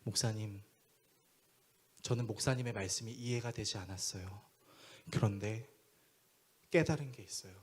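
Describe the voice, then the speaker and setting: A man's voice: medium pitch, fairly even intonation, measured pace, long pauses, darkish tone, pitched below the performer's own voice, natural voice. A man voicing a naive, cheerful young man from his church who loves food and protests innocently when scolded. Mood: earnest. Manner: breezy, guileless, protesting.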